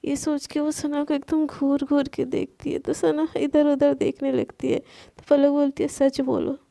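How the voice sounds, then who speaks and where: A woman's voice: high voice, level tone, moderate pace, gravelly, warm tone, dry recording. A woman narrating a serialized love story in a casual, chatty retelling.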